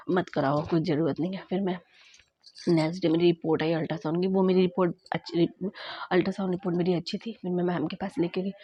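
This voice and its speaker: A woman vlogger casually recounting her own experience, acting out both sides of the conversations in a lively way. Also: on the low side, slightly rough, lo-fi sound. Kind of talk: casual storytelling vlog.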